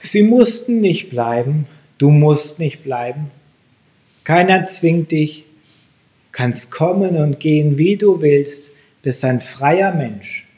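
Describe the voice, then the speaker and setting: A man preaching a sermon, slow and emphatic, his voice lifting sharply on the key phrases. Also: a little high, dark tone.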